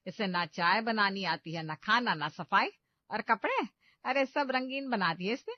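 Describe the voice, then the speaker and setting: A woman voicing a short-tempered middle-aged mother-in-law who loudly scolds and insults her daughter-in-law, on a dull lo-fi cartoon track. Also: mid-range voice, animated, measured pace, no echo, pitched above the performer's own voice. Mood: scornful. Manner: shouting insults, loud and scolding. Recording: dull, dry lo-fi voice-over.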